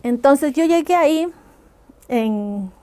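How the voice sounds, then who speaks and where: Guesting on a podcast, a woman from Ecuador slowly and earnestly tells of hard things she has lived through. Her voice sits high and sounds animated with a darkish tone, and there's slight background noise.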